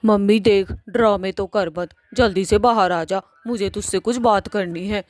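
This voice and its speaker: A woman voicing a pushy, lovesick young witch daughter in a cartoon, talking in a loud nagging way. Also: medium pitch, steady tone, moderate pace, dry recording, lightly acted.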